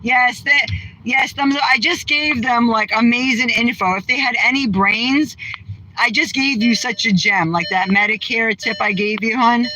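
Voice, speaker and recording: A woman's voice: fairly high pitch, a little slow, bright, forceful tone, a little hiss or hum, rough recording. A woman from Massachusetts hosting a casual livestream, bluntly firing back at viewers' comments from her car. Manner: brash, outspoken, trash-talking. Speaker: livestream host. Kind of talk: casual live chat reading comments.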